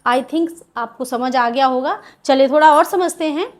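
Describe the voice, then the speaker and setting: A woman's voice: sits high, normal speed. A woman with an Indian accent teaching English grammar in a video lesson, asking questions and answering them herself.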